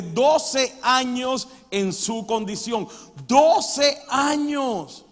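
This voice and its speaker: A male pastor preaching a sermon, emphatic, moving between loud stresses and quiet passages. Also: very high-pitched. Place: church hall. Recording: church hall reverb.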